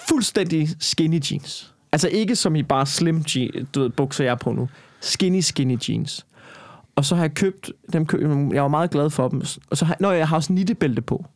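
A young man talks through a long anecdote in a loose, rambling way, restarting sentences and swearing casually. His voice sits slightly higher than most men's. The sound is dry and close, with no room echo. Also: expressive. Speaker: guest telling a story. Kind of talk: casual storytelling chat.

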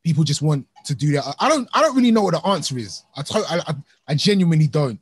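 A man's voice: a little high, sing-song, fast talker, slightly rough. A man talking informally and emphatically in a casual discussion, often repeating his points.

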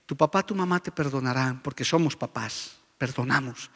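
A man's voice: mid-range voice, normal speed, gravelly, a bit bright, husky, in a large hall. A middle-aged man preaching a sermon as a pastor, fervent and often addressing his listeners as brothers.

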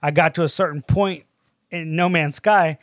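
Frat-bro guy, higher-pitched, swearing freely. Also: fairly even intonation, moderate pace, dry recording, studio quality. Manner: frat-bro slang, calls people bro and dude; profane, blunt. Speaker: podcast co-host. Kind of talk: casual gaming podcast chat.

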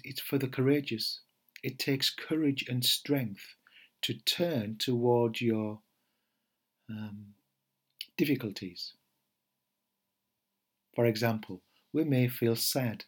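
Middle aged guy, meditation teacher, slightly husky voice, gentle and slow with lots of ums. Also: medium pitch. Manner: gentle, unhurried, pausing with fillers and restarts. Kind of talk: podcast talk before a guided meditation.

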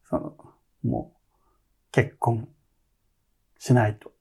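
A man from Nagasaki, Japan, co-hosting a podcast in casual chat, playful and quick to laugh. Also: medium pitch, lively intonation, vocal fry, a little mellow, slightly rough. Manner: laughs often, playful asides. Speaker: podcast co-host.

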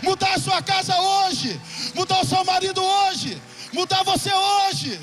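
A man's voice: very high-pitched, animated, a little slow. A middle-aged Brazilian man, a pastor, preaching a fervent sermon, slipping into sung phrasing and casual slang as he tells stories. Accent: Brazilian Portuguese. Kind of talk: sermon with personal testimony. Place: church hall. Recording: long church-hall reverb with soft music.

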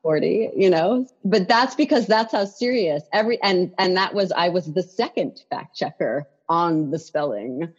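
Low husky woman rambling in an interview, lots of um and you know, kinda dull lo-fi sound. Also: normal speed, few pauses. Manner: chatty, rambling, with many fillers and restarts. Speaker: children's picture book writer, guest. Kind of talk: casual interview conversation.

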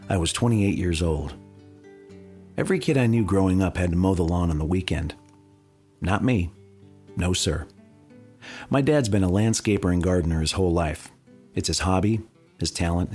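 A man with a fairly low voice reads his own comic memoir pieces aloud. His delivery is wry and blunt, and he drops profanity with ease. It comes across as first-person storytelling rather than chat. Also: a little mellow. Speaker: memoir reader.

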